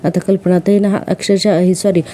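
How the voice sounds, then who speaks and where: A woman's voice: mid-range voice, flat delivery, brisk, dark tone. A woman casually retelling a TV serial episode in plain conversational narration. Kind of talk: casual spoken episode recap.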